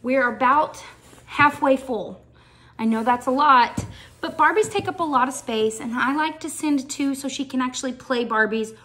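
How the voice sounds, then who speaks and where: A woman's voice: sits high, normal speed, bright, forceful tone. A woman chatting through a show-and-tell vlog as she packs a gift box, enthusiastic and full of ums. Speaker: shoebox packing vlogger.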